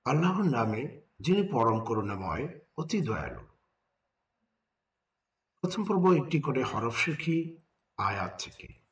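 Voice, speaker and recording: Slow, patient man teaching Quran recitation. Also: mid-range voice, sing-song, distant mic. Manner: slow, drawn-out spelling and repetition of Arabic words. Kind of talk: step-by-step Quran recitation lesson.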